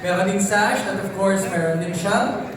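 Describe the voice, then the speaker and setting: A man with a Filipino accent hosting a pageant, announcing winners in Taglish with drawn-out, emphatic calls of names and numbers. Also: high-pitched, recorded from a distance. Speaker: pageant host. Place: large echoing event venue. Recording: echoey event PA from afar, crowd, music.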